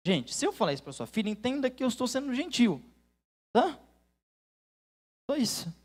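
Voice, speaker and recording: Brief: Brazilian man, pastor, earnest sermon storytelling, loud then hushed. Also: big pitch swings, moderate pace. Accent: Brazilian Portuguese. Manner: earnest storytelling, swings between loud emphasis and hushed low tones. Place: church.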